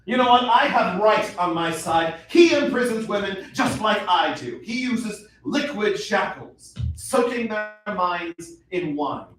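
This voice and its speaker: A man's voice: sits high, expressive, unhurried, few pauses, fairly bright tone. An actor playing an arrogant, hot-tempered young king in a stage reading, barking orders with contempt. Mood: domineering. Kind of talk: stage reading of a musical play. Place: theater stage. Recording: very echoey hall, mic far off.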